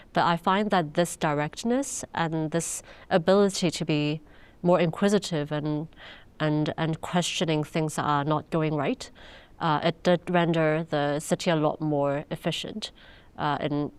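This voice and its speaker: Low-voiced woman from Hong Kong, measured. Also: smooth. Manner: thoughtful, measured, with frequent fillers. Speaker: guest. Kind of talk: interview conversation.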